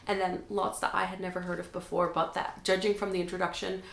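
A woman's voice: on the low side, little pitch movement, fast talker, creaky, echoey room. A young woman, chatting to camera as a book vlogger at home, upbeat and talkative. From the Netherlands. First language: Dutch. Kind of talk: casual chat to camera. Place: home room with bookshelves. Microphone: camera framing, head and shoulders.

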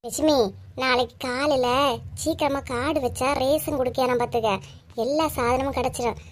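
A woman's voice: high voice, fairly even intonation, moderate pace, voice pushed down. Woman doing a bossy older village neighbour. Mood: planning. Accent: Kanyakumari Tamil. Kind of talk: cartoon story voice acting.

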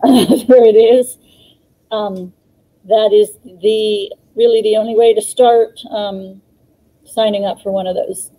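A woman in her fifties, an extension educator, co-hosts a live online garden clinic over a video call in a casual live-stream chat full of ums and little laughs. Her mid-range voice has a dark tone and fairly even intonation, and she speaks at a slow pace. The audio quality is poor.

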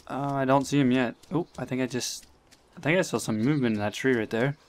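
Young guy talking through a game to himself, smooth clear voice, gets worked up and laughs. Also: medium pitch, fairly quick. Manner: excitable, talks to himself, swears and laughs. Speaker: gameplay commentator. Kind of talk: live gameplay commentary.

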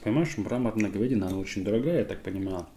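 Man, very low and dark voice, talks through a mouthful of food, halting, lots of fillers. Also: animated, a little hiss or hum. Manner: hesitant, full of fillers. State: chewing food. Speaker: mukbang co-host. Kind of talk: casual chat over a meal.

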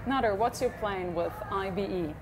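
A woman's voice: mid-range voice, normal speed. Woman, interviewer, playful teasing questions, lapel mic, noisy hall ambience. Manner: teasing, laughs between questions. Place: indoor expo hall before a backdrop.

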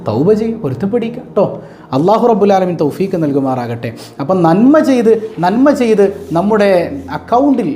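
A man's voice: high voice, mellow, slight background noise. A man giving a motivational religious talk, telling stories and repeating phrases for emphasis. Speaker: Islamic preacher.

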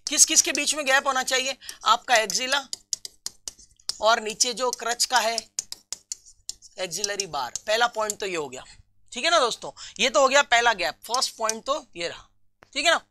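A man teaching a live online class for nursing exam students. He reads out viewers' answers, calls them friends and repeats key terms slowly. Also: very high voice, expressive, bright, forceful tone, a little hiss or hum.

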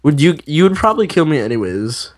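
A man's voice: on the high side, big pitch swings, fast. A man co-hosting a casual gaming chat, playful and rambling, often trailing off mid-sentence. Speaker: co-host gaming guest.

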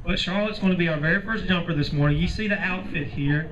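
A man's voice: high-pitched, fast talker. A middle-aged man hosting a live outdoor event, speaking off the cuff with teasing, jovial banter into a PA microphone. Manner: jovial, teasing crowd-working. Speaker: event host, announcer. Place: outdoors in a parking lot by a pool. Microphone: handheld PA microphone, picked up by a distant camera. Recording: distant lo-fi PA sound, crowd noise. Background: loud crowd.

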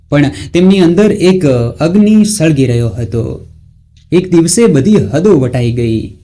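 A male storyteller reads a dramatic story in a slow, even manner. His voice is pitched a little high and sounds warm and mellow. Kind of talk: scripted story narration.

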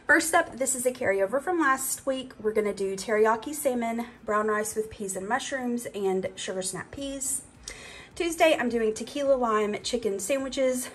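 A woman's voice: fairly high pitch, rough recording. A young woman hosting her own cooking channel, chatting casually through a grocery haul in her home kitchen. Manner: chatty, rambling, with fillers and asides.

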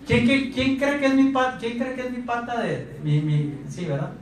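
This thirty-something salesman, speaking with a Mexican accent, delivers an energetic pep talk on a handheld mic and asks listeners questions. His pitch is extremely high and his speed normal. He's far from the recording mic in an echoey meeting room with a projector screen.

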